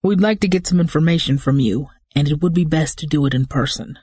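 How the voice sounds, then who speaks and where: An audiobook narrator voicing a calm, formal police detective speaking in measured terms. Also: medium pitch, husky, no room sound, clean studio sound, lightly acted.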